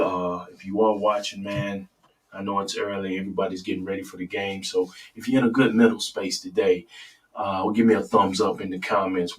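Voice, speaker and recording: A man hosting a casual live sports talk stream in a low early-morning radio voice, talking straight to his viewers. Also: distant mic, poor audio. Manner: relaxed, talks straight to viewers, asks for comments. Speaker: sports talk show host.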